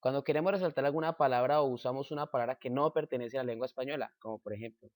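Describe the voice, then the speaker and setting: Man slowly reading a grammar lesson. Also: mid-range voice, no echo, studio quality. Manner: slow, measured reading with example sentences. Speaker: teacher.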